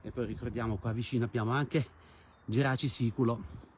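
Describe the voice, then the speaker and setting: Outdoors in a hilltop village, a man hosts a live travel stream, addressing viewers directly like a presenter. His voice is medium-pitched and brisk with fairly even intonation, and the recording is noisy with clicks.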